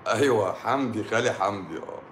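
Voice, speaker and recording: A doctor with an Egyptian accent hosting a casual live stream from home, teasing viewers by name and laughing often. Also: male voice, fairly low pitch, quick pace, fairly bright tone, roomy sound, slight background noise.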